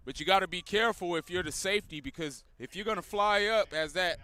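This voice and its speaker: A man's voice: sits high, fast, bright, forceful tone. A man giving casual, laid-back color commentary on a football game, breaking down plays and laughing often. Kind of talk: casual sports analysis.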